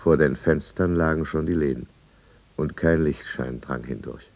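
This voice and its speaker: The same role, a desperate, besotted and blustering drunkard businessman who later narrates with remorse, is voiced by an actor in a 1950s German radio drama. His voice is extremely low and a little mellow, at normal speed. The mood is bleak and remorseful.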